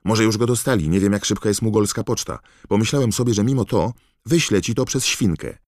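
A man's voice: on the low side, brisk, no room sound, studio quality, voice pushed up. A man voicing an eager, chatty teenage boy reading out his own letter in an audiobook. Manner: excited, rattling on.

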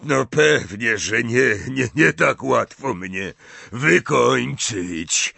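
A man's voice: mid-range voice, lively intonation, extremely slow, vocal fry, bright, forceful tone, dry recording, exaggerated voice. A man voicing a huge, kind-hearted gamekeeper giant who talks in a rustic, folksy, blustery way. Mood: agitated.

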